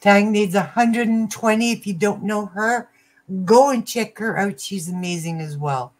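An older woman chatting casually as a livestream host, halting and often rephrasing herself. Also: medium pitch. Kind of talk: casual chat. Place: small cluttered room at home. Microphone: computer mic on a video call.

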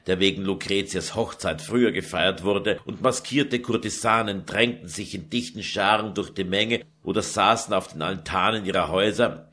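A man reading a historical novel aloud in measured scripted narration. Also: lowish voice, a bit bright. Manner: measured storytelling. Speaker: audiobook narrator.

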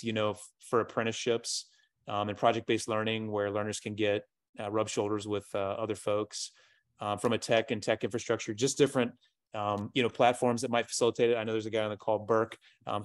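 A low-voiced man speaks in a fairly monotone way over a video call, and the sound is dry and close. He leads a school and works through his ideas one after another, leaning on "you know" and "um" as he goes. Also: dry recording. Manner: rambling, lists ideas with many fillers. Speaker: school leader. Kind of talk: panel discussion on a video call. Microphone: webcam on a video call.

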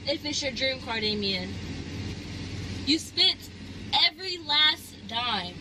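A woman's voice: high voice, lively intonation, slow. A young woman arguing casually in a blunt, insistent way. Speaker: wife being pranked. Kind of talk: casual argument. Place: inside a parked sports car. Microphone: camera held by passenger, a little away. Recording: noisy car interior with vehicle sound.

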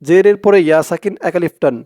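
A man from Bangladesh, teaching Quran reading by breaking words into syllables and chanting verses slowly. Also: sits high, mellow, dry recording. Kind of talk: slow step-by-step recitation lesson.

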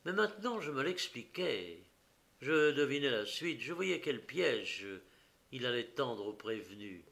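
A man narrating an audiobook of a detective story in a slow, dramatic reading. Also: medium pitch, sing-song, gravelly, a bit bright.

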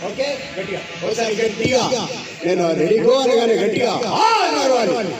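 A man leading a public yoga session, coaxing the group with cheerful calls to clap, shout and laugh. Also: very high-pitched, lively intonation, fairly quick. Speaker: yoga instructor. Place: outdoor public yoga event. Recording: roomy echo from far off, noisy.

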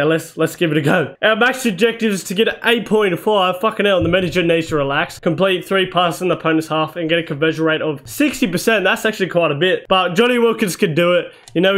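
A man giving live gameplay commentary, excitable and swearing, yelling at near misses. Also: sits high. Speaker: gaming channel host.

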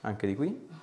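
In a small clinic treatment room, a chiropractor in his thirties with a fairly low voice gives a patient calm, casual, reassuring instructions. He mixes in short questions as he goes.

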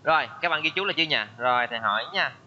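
Rapid-fire and forceful, a medium-pitched male voice sounds bright and expressive as an English teacher patiently drills and repeats words in an online class for pupils. Noise and a dull lo-fi quality mark the recording.

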